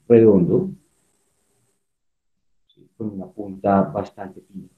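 A man with a Colombian Spanish accent teaching a prerecorded online art class, patient and step-by-step, checking in often with his students. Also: on the low side. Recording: echoey room, tinny phone-like sound.

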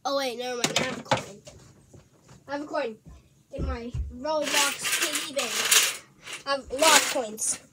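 A young vlogger chatting casually to viewers while unboxing toys, easily distracted and slightly hoarse. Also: high-pitched, fairly even intonation, moderate pace, long pauses, very noisy.

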